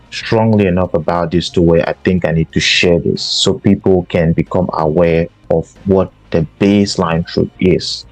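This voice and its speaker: A deep, slightly mellow male voice belongs to a Cameroonian podcast host delivering an emphatic political commentary monologue, repeating himself for stress. The recording is rough, with no room sound.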